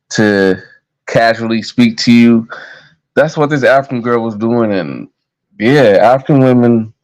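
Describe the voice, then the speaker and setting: A man's voice: lowish voice, a little mellow, poor audio. An American man in his thirties talking to his viewers in a casual, heated monologue, blunt and full of profanity. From United States. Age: 30s. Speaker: vlogger.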